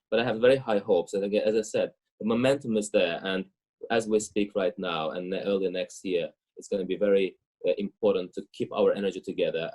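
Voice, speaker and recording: A man speaking as a panelist in a webinar, earnest and halting with fillers. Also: sits low, darkish tone, slightly rough. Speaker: panelist, youth leader.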